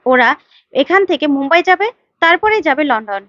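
A woman reads out a businesslike male police officer who reports the facts briskly. The voice sits high and sounds dry and slightly dull. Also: expressive, a bit bright, no room sound. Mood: matter-of-fact.

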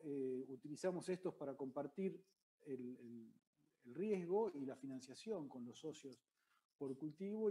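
A man gives a startup pitch over a video call, in a measured way with a few hesitant restarts. His voice is dark and mellow, sitting at a middle pitch. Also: poor audio.

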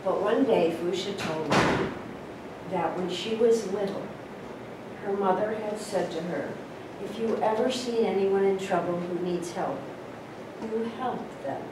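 A woman sharing memories at a funeral, speaking in a warm, slow, halting and apologetic way. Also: mid-range voice. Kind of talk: eulogy remarks. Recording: distant voice in a very echoey room with noise.

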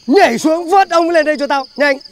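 A man's voice: very high-pitched, fairly quick. An actor playing a brusque, impatient older village man who commands everyone around him in a slapstick comedy film. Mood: bossy. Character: bossy older village man barking orders.

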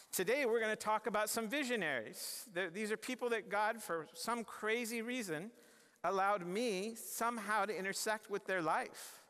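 A man in his forties gives a chapel address in an earnest, conversational way, often restarting his sentences. His voice sits a little high for a man. A long reverb from the large hall trails each phrase. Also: a little slow, pushed and bright. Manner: gestures and moves about the stage. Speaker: chapel speaker. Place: large university chapel stage.

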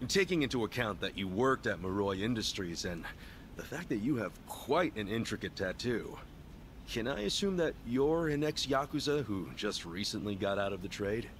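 Man playing an earnest, low-voiced job counselor. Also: expressive, slight background noise, natural voice. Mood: polite, probing. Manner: formal, measured, courteous. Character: earnest polite male job counselor, modest but firm. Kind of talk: video game voice acting.

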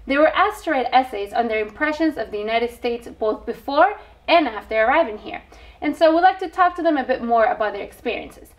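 A young woman hosts a community TV interview from a studio desk, her voice sitting a little on the high side. She keeps things moving with friendly, encouraging replies. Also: animated, brisk, highs cut off. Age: young adult. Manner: friendly, encouraging with short backchannels. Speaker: host.

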